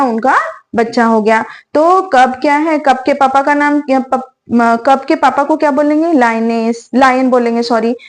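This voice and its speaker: High-pitched lady teacher, keeps asking and answering her own questions for little kids. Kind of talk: tutorial for young learners.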